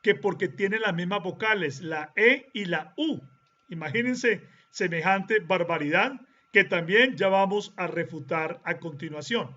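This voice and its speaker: High, bright-voiced man teaching. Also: dull audio. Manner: deliberate, lecturing, checks in with rhetorical "¿sí?". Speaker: Bible teacher. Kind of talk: explanatory teaching monologue.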